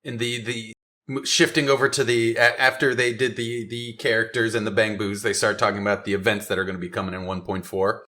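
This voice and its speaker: A man's voice: fairly low pitch, level tone, fairly quick, sharp tone. A man co-hosting a podcast, chatting casually about a game in a joking, teasing way and laughing easily. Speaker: podcast co-host. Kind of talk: casual gaming chat.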